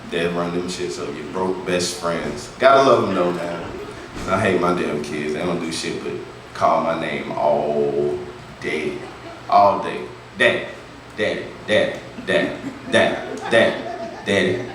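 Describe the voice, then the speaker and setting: A man's voice: low-pitched, measured pace, long pauses, heavy reverb, distant mic, background noise. A man doing a crude stand-up set in a club, drawling his punchlines. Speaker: stand-up comedian. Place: comedy club stage.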